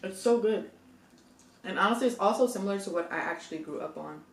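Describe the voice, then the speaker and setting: A woman's voice: mid-range voice, fast, reverberant, distant mic. A young woman talking casually to her viewers as she eats through a meal, chatting between bites. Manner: chatty, eating while talking, addresses viewers as y'all. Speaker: food vlogger. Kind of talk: casual mukbang chat to camera.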